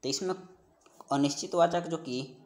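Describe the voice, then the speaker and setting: A man teaching an exam-prep class works through practice questions in an instructional lecture, repeating key phrases as he explains. His voice is on the high side and darkish, at a normal speed.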